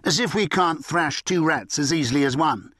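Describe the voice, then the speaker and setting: A man's voice: a little high, moderate pace, fairly bright tone, husky, no echo, studio quality, pitched above the performer's own voice. A man voicing a nasty older schoolboy prefect who snarls and sneers. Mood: sneering.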